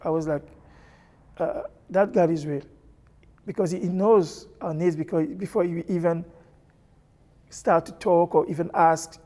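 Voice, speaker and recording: A man's voice: fairly high pitch, steady tone, dark tone. Hesitant man from Congo telling his testimony. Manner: hesitant, halting, with many restarts. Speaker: church member sharing testimony. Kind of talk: personal testimony.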